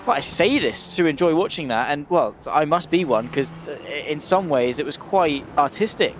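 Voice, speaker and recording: A male motorsport co-commentator speaks in a moderately high voice with dry, wry understatement. He chats casually and hesitantly over faint car noise. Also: expressive, normal speed. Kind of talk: casual race commentary chat.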